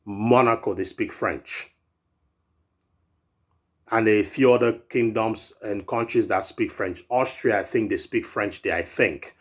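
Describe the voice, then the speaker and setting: Measured in pace and lowish in pitch, this thirty-something European man talks as a fitness YouTuber. His casual motivational vlog chatter frequently ends on a questioning "right?".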